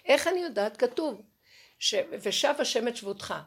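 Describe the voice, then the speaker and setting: A woman's voice: fairly high pitch, animated. A woman giving a fervent religious talk, telling personal stories and acting out the dialogue. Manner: acts out dialogue, shifting voice for quoted people; fervent, rising to emphatic peaks. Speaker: spiritual teacher.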